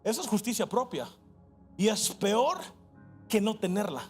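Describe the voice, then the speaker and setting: A man with a Mexican Spanish accent preaching a sermon as pastor, impassioned, switching between quick asides and slow, stressed phrases, and shouting at the peaks. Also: sits high, very animated, soft background music.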